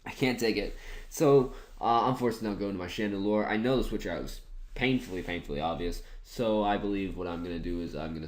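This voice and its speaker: A man giving casual commentary over an online game battle, thinking aloud in a chatty, self-mocking way. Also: deep voice. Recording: roomy echoey room.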